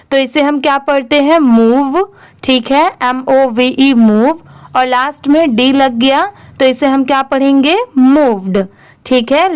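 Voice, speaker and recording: A woman's voice: high voice, clear, resonant tone. A woman teaching English reading, spelling words out letter by letter and asking and answering her own questions. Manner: reads English text word by word, very slowly. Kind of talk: slow spelled-out reading lesson.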